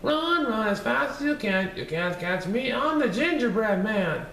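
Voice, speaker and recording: A man voicing a cocky little male gingerbread cookie with a high, taunting singsong. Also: very animated, unhurried, bright, forceful tone, roomy sound, slight background noise, full character voice.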